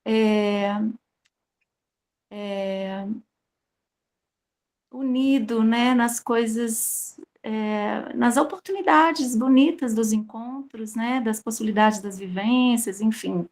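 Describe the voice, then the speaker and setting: A woman's voice: fairly high pitch, slow pace, darkish tone. A woman telling a personal account to a group, hesitant and full of fillers. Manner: hesitant storytelling, many fillers.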